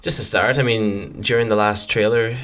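A low-voiced man with a Donegal Irish accent talks as a podcast co-host. He chats in a casual, rambling style, with a joking streak. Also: fairly even intonation, moderate pace, fairly bright tone. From County Donegal, Ireland. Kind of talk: casual fan podcast chat.

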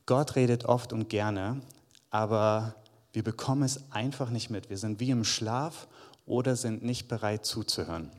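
Speaking at a measured pace in a voice on the low side, a preacher gives a conversational sermon and reads passages from the Bible to the congregation. The church hall leaves a long reverb on the recording.

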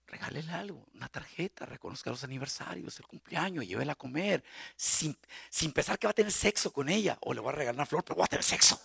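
A man preaching a sermon on marriage as a guest pastor, animated, acting out spouses' lines and shouting for emphasis. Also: a little high, fast talker, creaky, husky, dry recording.

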